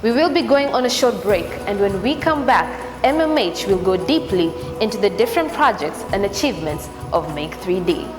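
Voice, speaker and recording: A woman's voice: medium pitch, sing-song, moderate pace, hardly any pauses, echoey room, long reverb tail, music in the background. A woman presenter delivering a scripted, upbeat outro that sends the show to a break.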